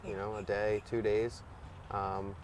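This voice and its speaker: A man interviewed for the news as a friend, speaking in a hesitant, disappointed, soft-spoken way. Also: lowish voice, little pitch movement, slow pace, slight background noise. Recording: distant mic with music underneath.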